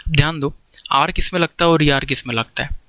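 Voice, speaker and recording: A man's voice: on the high side, brisk, bright, forceful tone, no echo, low-quality recording. Man teaching grammar in a dry room. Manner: explains step by step, keeps checking understanding with "theek hai". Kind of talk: classroom grammar lecture.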